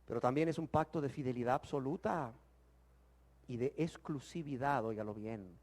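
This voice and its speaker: A man teaching the Bible in sermon style, emphatic and full of rhetorical questions, swinging from loud exclamations to hushed words. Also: mid-range voice, normal speed.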